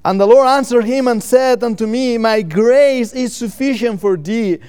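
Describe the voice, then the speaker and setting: A missionary preacher from Catalonia, Spain, speaks with a Catalan accent while delivering a sermon in English, which is not his first language. He is earnest, repeating key phrases and using deliberately emphatic wording for rhetorical effect. His very high voice is clear and resonant, with a darkish tone.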